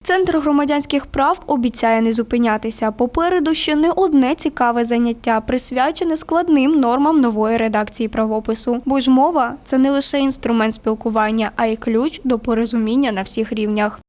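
A woman narrates a local television news report. Her voice sits on the higher side, and she reads the script in an even, measured way.

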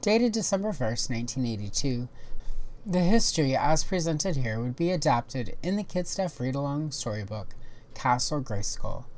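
A woman with a very deep, darkish voice and lively intonation presents a toy history video, giving scripted documentary narration that stays measured and informative.

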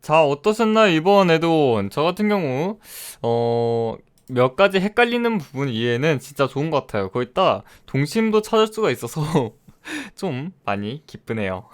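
A man's voice: a little high, clean tone. A young man giving casual, joking commentary while he plays and reviews a game mod, often talking to the characters on screen. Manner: chatty, jokes and talks to game characters, laughs often.

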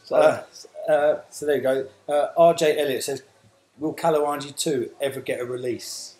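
A man's voice: a little high, fairly even intonation, moderate pace, a little mellow, reverberant, poor audio. Chatty South London man hosting. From England. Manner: chatty, reads out viewer comments. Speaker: host. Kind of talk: casual live Q&A chat.

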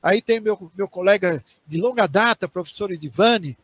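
A man's voice: high-pitched, moderate pace, fairly bright tone, no echo. A man in his sixties with a Brazilian Portuguese accent, a university professor giving an online lecture and answering questions. He explains patiently and checks in often with the listeners. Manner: explanatory, tags phrases with "certo?" and "né?", frequent restarts. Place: small home study with bookshelves, indoors. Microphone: headset on a video call.

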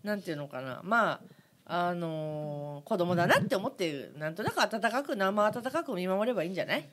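A woman's voice: fairly low pitch, animated, fairly quick, a bit bright, a little hiss or hum. A woman from Miyazaki co-hosting a radio chat show, giving blunt, teasing advice. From Miyazaki, Japan.

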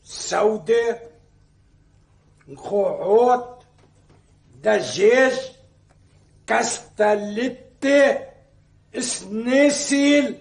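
An actor playing a jealous, short-tempered husband with a Lebanese accent, bickering and demanding. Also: male voice, very high voice, quick pace, reverberant. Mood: irritable. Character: quick-tempered jealous husband, middle-aged man. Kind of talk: sitcom acting.

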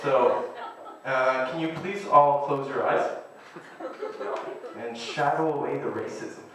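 A man's voice: mid-range voice, slow pace, a bit bright. A young man doing casual, rambling stand-up comedy on a small club stage. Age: young adult. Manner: rambling, laughs at his own bits. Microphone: handheld stage mic, recorded by distant camera. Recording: echoey club room from far off, audience noise.

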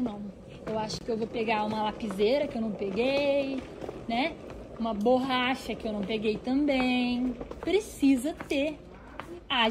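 A woman's voice: on the high side, slight background noise. A woman with a Brazilian Portuguese accent chatting to viewers in a shopping vlog as she browses a stationery store. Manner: animated, talks to viewers while browsing.

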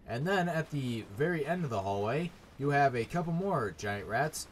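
A man's voice: medium pitch, lively intonation, normal speed, slight background noise. Sarcastic, swearing gamer man. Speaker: gaming YouTuber. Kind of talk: let's play commentary.

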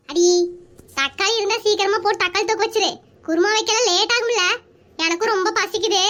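A woman voicing a shrill, nagging village housewife in a cartoon. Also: sharp tone, full character voice. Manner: shrill, nagging, quick to scold. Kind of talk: animated cartoon dialogue.

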